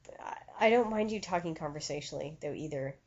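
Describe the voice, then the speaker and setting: Woman medium, rambling and self-aware; low, warm voice; muffled recording. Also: animated, fast. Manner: self-conscious, chatty, many fillers and restarts. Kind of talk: conversational channeling session. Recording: dull lo-fi recording.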